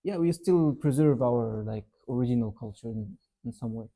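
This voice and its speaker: Speaking at a moderate pace with a medium-pitched voice, this young university student from Yemen, raised in Saudi Arabia, chats casually as an interview guest. His relaxed, wandering talk is heavy with "like" and "you know."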